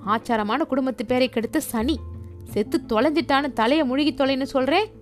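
A woman voicing an angry middle-aged son who talks in curt, harsh shouts. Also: high-pitched, a little fast, soft background music, lightly acted.

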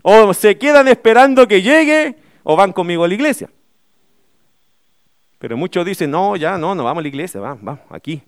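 Emphatic high-voiced pastor. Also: male voice, lively intonation, a little fast, smooth, no echo, clean studio sound. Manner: emphatic preaching with rhetorical questions. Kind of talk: sermon.

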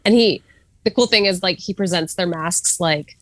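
A woman's voice: on the low side, moderate pace, no echo. A woman co-hosting a podcast in casual chat, talking loosely with lots of fillers and frequent laughs. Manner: chatty, laughs often, many fillers. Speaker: podcast co-host.

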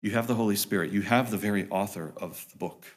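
A man preaching a sermon to his congregation, pressing his points with rising emphasis and then dropping to quiet, low passages, often repeating words as he builds a thought. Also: fast talker. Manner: earnest preaching, swings between loud emphatic peaks and quiet low passages; repeats and restarts phrases while building a point. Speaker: pastor.

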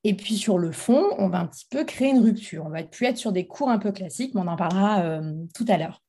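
A woman's voice: medium pitch, lively intonation, fast, mellow, husky. A woman interviewed as founder of a training institute, talking with many fillers and restarts. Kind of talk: interview conversation. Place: Montpellier, France.

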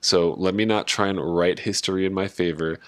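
A man's voice: low voice, steady tone, a little fast, fairly bright tone, no room sound. A man co-hosting a podcast in natural unscripted talk, chatting casually in a jokey, self-mocking way. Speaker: podcast co-host.

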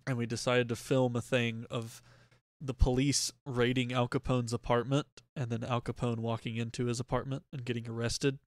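A man's voice: mid-range voice, no echo. A young man co-hosting a podcast, chatting casually and telling stories from his bed at home. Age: young adult. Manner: relaxed storyteller, quick, with laughs. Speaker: podcast co-host. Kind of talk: casual chat.

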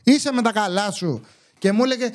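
High-voiced man telling neighbor stories. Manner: rambling, sarcastic, animated retelling. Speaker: podcast host. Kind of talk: casual storytelling monologue.

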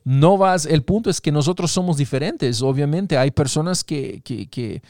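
A man's voice: a little high, animated, normal speed, warm tone, no echo, studio quality. A man with Latin American roots in a casual political discussion, asking rhetorical questions and often restarting his sentences. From Latin American roots, raised in the United States.

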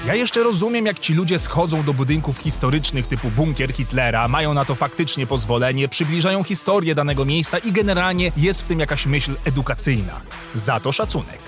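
A man's voice: a little high, expressive, fairly quick, a bit bright, faint music behind. A man delivering satirical scripted commentary as narrator, with a sarcastic, mocking manner.

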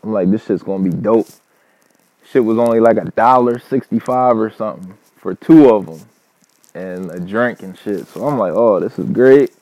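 A man's voice: on the low side, normal speed, dark tone, no echo. A man, a truck driver, telling a casual personal story in loose, profanity-heavy talk full of fillers. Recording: dull, dry lo-fi recording.

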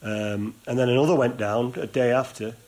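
A man's voice: medium pitch, normal speed, darkish tone. A man hosting an interview, chatting casually and recounting background stories to his guest. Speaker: interviewer and host. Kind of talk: casual chat.

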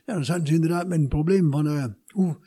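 An older man with a Twente Dutch accent, talking in a conversational interview and haltingly repeating words as he searches for phrasing. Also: a little high, steady tone, mellow, breathy edge.

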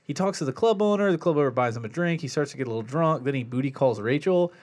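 A man's voice: on the high side, animated, fast, darkish tone. A man casually recapping a film plot on a podcast, rambling with filler words. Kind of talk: casual movie discussion.

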